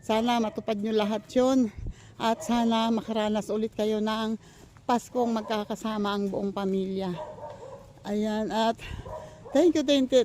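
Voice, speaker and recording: A woman's voice: fairly high pitch, darkish tone. Older lady vlogging out in the countryside, kinda out of breath, lots of ums, bit of faint noise. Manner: rambling, many fillers and restarts while walking. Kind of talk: casual vlog thank-yous and chat. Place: outdoors in rural countryside.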